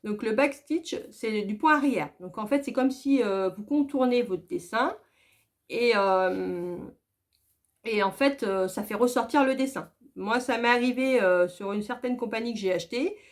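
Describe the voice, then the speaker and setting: Woman explaining her craft hobby, kinda high voice, lots of little pauses and restarts. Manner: chatty, many hesitant fillers and restarts. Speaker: craft video host. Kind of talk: casual tutorial talk.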